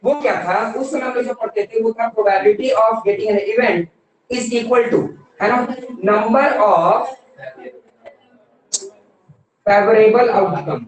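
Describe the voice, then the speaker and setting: A woman teaches a classroom lesson in a fairly high voice, checking often that students follow her. She slows right down whenever she dictates a definition. She is heard from across a very echoey room. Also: distant mic. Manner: mixes Hindi with English terms, asks students frequent questions. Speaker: maths teacher. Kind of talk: classroom lecture.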